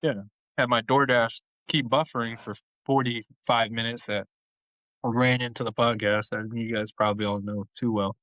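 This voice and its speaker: A young man co-hosting a casual podcast, telling animated stories and giving playful shout-outs. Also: mid-range voice, normal speed, no room sound, low-quality recording. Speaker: podcast co-host.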